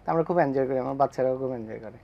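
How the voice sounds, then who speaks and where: A man appearing as a guest on a talk show, answering cheerfully and briskly. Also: medium pitch, vocal fry, lo-fi sound. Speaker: content creator guest.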